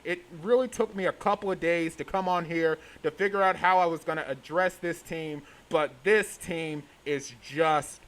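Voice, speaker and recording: A man hosting a sports vlog, delivering an opinionated rant in an exasperated, emphatic way. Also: high-pitched. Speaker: sports show host.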